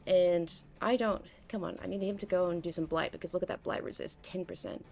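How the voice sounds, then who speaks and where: A woman's voice: fairly low pitch, fairly even intonation, brisk, creaky, darkish tone. A young woman streaming a game, rambling and chatting casually as she plays, often breaking off mid-sentence. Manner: rambling, self-interrupting, chatty. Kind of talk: casual gameplay commentary.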